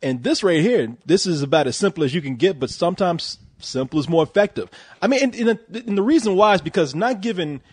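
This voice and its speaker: A man's voice: high-pitched, brisk, few pauses, husky, no room sound, clean studio sound. A man chatting casually about a film he reviews, joking and cursing, often restarting his sentences. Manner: profane, jokey, animated, many restarts. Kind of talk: casual chat.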